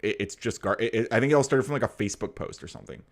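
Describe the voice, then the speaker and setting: This young American livestream host has a medium-pitched voice and talks very fast while casually discussing politics and replying to viewer comments. He's rambling and hesitant, full of fillers and restarts, and becomes blunt and profane when riled.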